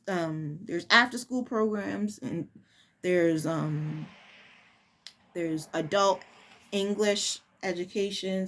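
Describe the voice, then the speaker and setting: A woman who works as a preschool teacher, telling a personal story in a casual, halting way as she searches for words. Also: mid-range voice.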